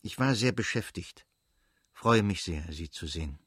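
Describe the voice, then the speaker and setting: A man's voice: lowish voice, a little slow, a bit bright, breathy edge, no echo, studio quality. A man doing a curt, cold official. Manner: curt, gloomy. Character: cold, stiff middle-aged official.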